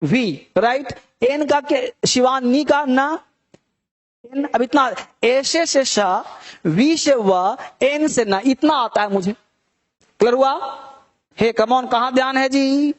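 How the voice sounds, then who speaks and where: A man gives a classroom English spelling lesson. He mixes Hindi with English phrases, calls his students "beta" and repeats words slowly to stretch out each sound. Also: extremely high pitch. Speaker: English teacher.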